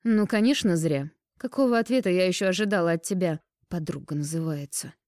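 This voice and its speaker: A woman's voice: fairly low pitch, dark tone, dry recording, studio quality, lightly acted. A woman reading an audiobook and voicing a nosy young woman friend who teases, pouts and takes offence easily. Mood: sulky. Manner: teasing, indignant, quick to take offence.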